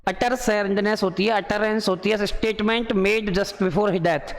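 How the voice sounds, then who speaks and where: A male teacher with an Indian accent, explaining exam idioms in a lesson. He asks the class questions and answers them himself, reading the English phrases slowly and explaining them quickly. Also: sits high, fairly even intonation, big-room sound.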